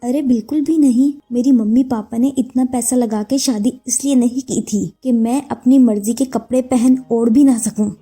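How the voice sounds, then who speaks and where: A woman's voice: a little high, fairly even intonation, normal speed, few pauses, dark tone, slightly rough. A woman voicing a haughty, spoiled young city wife in a voiced story. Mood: disdainful. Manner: haughty and dismissive.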